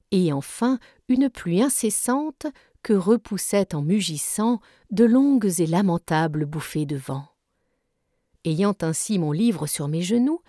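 A woman narrating an audiobook of a classic novel in a calm, measured way. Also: medium pitch, no echo, clean studio sound.

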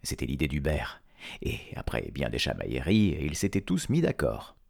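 Lively, expressive male storyteller. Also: a bass voice, normal speed, vocal fry. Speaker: narrator.

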